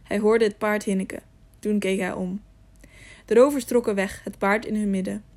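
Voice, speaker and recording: A woman narrating a children's storybook in a calm, measured way. Her voice is mellow and warm, sitting at an ordinary middle pitch. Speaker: audiobook narrator.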